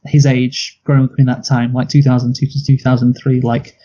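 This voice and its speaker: A man's voice: medium pitch, little pitch movement, a little fast, warm tone. A man co-hosting a movie podcast in casual chat, blunt and opinionated with many fillers. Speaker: podcast co-host. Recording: dull lo-fi podcast audio.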